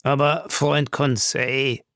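A man reading an audiobook, voicing a blunt, hearty harpooner with a gravelly voice. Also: medium pitch, level tone, slow pace, fairly bright tone, no room sound, clean studio sound. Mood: gruff. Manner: blunt, impatient retorts. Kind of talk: audiobook character voice.

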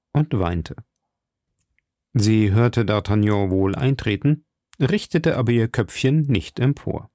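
A man reading a classic novel aloud in a measured storytelling manner. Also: medium pitch, dark tone, no room sound, clean studio sound. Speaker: reader.

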